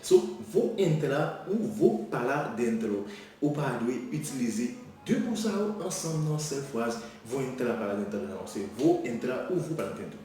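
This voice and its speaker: A man giving a casual video lesson, lively and laughing often, switching between explaining and playing out quick mock dialogues. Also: medium pitch, very echoey, far from the mic. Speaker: language teacher.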